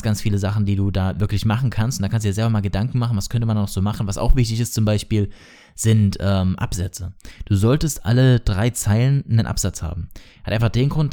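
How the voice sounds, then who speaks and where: A man's voice: lowish voice, mellow. A man hosting a casual solo podcast lesson, chatty and often correcting himself as he explains things. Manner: chatty, self-correcting, peppered with English marketing terms. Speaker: podcast host teaching sales copywriting.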